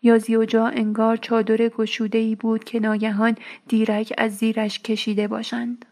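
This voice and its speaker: High, even-toned woman narrating a novel. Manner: measured, steady storytelling. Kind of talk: audiobook narration.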